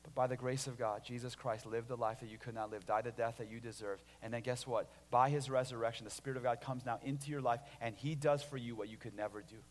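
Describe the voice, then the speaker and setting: A man in his thirties from Illinois preaching a sermon as a pastor, telling stories with lively restarts and swings between loud and hushed delivery. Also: mid-range voice, fast, hardly any pauses. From Illinois, USA. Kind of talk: sermon with personal story. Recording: long hall reverb.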